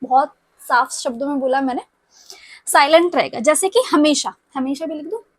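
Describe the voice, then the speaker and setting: A woman's voice: high-pitched, normal speed, dry recording. A young woman teaching a language lesson, explaining step by step and often checking whether her students follow.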